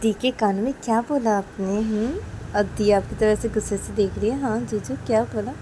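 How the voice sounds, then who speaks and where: A woman's voice: medium pitch, normal speed, dark tone, slight background noise, lightly acted. A woman voicing a teasing young married woman who keeps prodding her older sister with tag questions.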